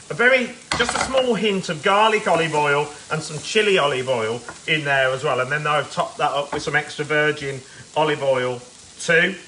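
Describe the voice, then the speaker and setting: A man's voice: on the high side, bright, forceful tone, slight background noise, rough recording. Chatty man over a sizzling pan. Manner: chatty and rambling, with fillers. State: stuffy and a bit nasal. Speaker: home cook livestreaming. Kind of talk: casual live cooking chat. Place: city apartment kitchen. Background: food frying in a pan.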